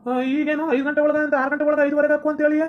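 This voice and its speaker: A woman acts out a quarrelsome young husband in a comedy skit, arguing in a North Karnataka Kannada accent. The voice is high for a man and the words pour out very fast. The recording sounds dull and lo-fi. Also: monotone, close to an everyday voice. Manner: quarrelsome, complaining. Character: young husband Shankar, hotheaded son.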